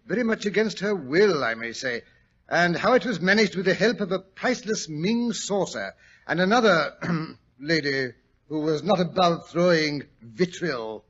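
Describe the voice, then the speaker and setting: An actor playing a pompous, flustered older English doctor in a 1940s radio drama, blustering and stammering in a raspy British voice. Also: male voice, on the high side, lively intonation, a little slow, a bit bright, full character voice. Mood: self-satisfied. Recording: dull vintage radio recording.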